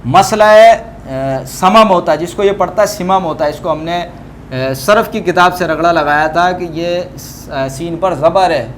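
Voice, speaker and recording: Combative high-voiced man reading texts. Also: slight background noise. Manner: combative, repetitive fillers. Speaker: religious debater. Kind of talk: polemical commentary over scanned texts.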